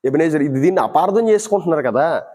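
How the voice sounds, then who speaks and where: A man's voice: fairly high pitch, animated, quick pace, darkish tone. A man giving Bible teaching, asking rhetorical questions and acting out everyday dialogues to make his point.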